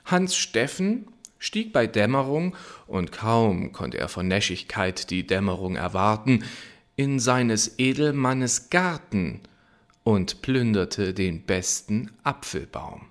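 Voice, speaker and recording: Guy reading an old rhyming fable, slow and lively in pitch, very theatrical. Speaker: reader. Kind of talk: verse fable recitation.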